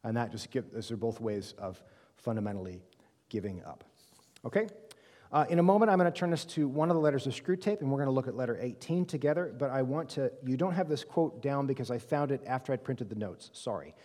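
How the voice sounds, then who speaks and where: A man teaching a Bible study class in a relaxed lecture style, often checking in with his listeners and pausing on "um" as he thinks. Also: medium pitch. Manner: conversational, checks in with "right?" and "okay?"; frequent "um" fillers and self-corrections. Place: reverberant room with a live group. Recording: long room reverb.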